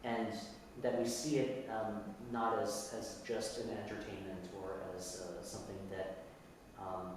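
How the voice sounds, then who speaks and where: A man's voice: on the low side, level tone, unhurried, hardly any pauses. Reflective man in an echoey room. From San Francisco, USA. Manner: reflective, searching for words with frequent restarts. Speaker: musician, interview guest. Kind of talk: casual conversational interview. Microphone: video call. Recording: echoey room, far from mic, faint hiss.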